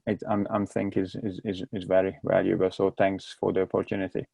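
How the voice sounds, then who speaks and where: A man with a strong Hungarian accent speaks in a low, gravelly, nearly monotone voice, explaining himself in his second language as a guest in a casual interview. He halts and repeats words while searching for them mid-sentence. His mellow, dark tone sits in a dry, close space with no echo.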